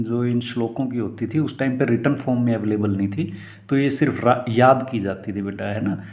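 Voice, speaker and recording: A middle-aged male teacher who reads textbook lines slowly, then explains them in mixed Hindi and English, often calling his students "beta". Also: mid-range voice, a little mellow. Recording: echoey room.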